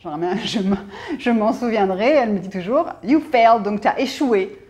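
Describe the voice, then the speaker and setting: A woman's voice: mid-range voice, normal speed, a little mellow. Chatty woman vlogging. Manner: chatty storytelling, many fillers and restarts. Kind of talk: casual chat.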